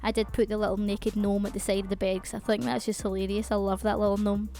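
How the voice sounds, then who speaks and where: Fast-talking Scottish woman, flat delivery. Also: medium pitch, soft background music. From Scotland. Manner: fast-talking, chatty, self-aware. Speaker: channel host. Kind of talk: casual voice-over for a game speed build.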